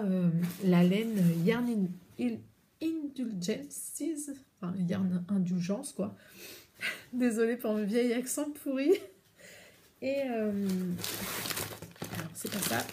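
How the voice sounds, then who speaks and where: A woman's voice: mid-range voice, warm tone, a little hiss or hum. A French woman hosting a knitting podcast, chatting casually and rambling with many hesitations as she shows her yarn. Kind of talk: casual chat showing yarn to camera.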